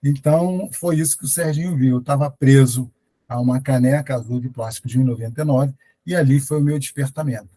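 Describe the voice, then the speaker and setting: A man's voice: mid-range voice, fairly quick, warm tone, low-quality recording. A Brazilian man in a study group, telling a personal story with laughs and later leading a prayer. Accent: Brazilian Portuguese. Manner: laughs while telling stories.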